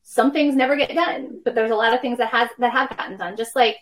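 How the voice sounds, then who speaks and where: A woman's voice: a little high, a little fast, slight background noise, low-quality recording. A woman in her fifties, a worship professor speaking as a podcast guest, explaining ideas reflectively through personal anecdotes. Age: 50s. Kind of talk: conversational podcast interview.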